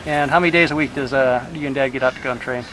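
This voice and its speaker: A man interviewing outdoors, asking casual questions and pausing often on fillers. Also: medium pitch, steady tone, fairly bright tone, a little hiss or hum. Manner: halting, filler-heavy questioning.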